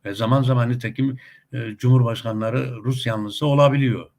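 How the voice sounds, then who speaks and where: A man's voice: mid-range voice, steady tone, moderate pace, creaky, darkish tone. A middle-aged man giving casual spoken commentary with anecdotes, talkative, with many hesitation sounds and emphatic rising outbursts. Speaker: commentator on a web TV channel.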